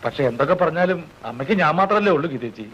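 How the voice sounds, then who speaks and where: A chatty, boastful young fellow. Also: male voice, a little high, expressive, rapid-fire, a bit bright, lo-fi sound, slight background noise. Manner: rambling and boastful. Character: chatty boastful young man, mother's only son. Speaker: film actor. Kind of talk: comedic film acting.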